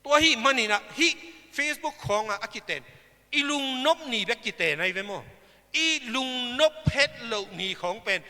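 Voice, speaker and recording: A man preaching a sermon at a church service, slow and emphatic, with big swings in pitch and loudness. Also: animated, in a large hall.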